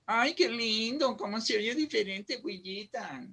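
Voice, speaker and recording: A woman's voice: expressive, unhurried, a bit bright, breathy edge. A woman leading an oral expression workshop on a video call, affectionate and full of diminutives, moving her voice up and down to show tone. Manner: affectionate, uses diminutives, swings between high and low voice to demonstrate tone. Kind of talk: casual teaching over a video call.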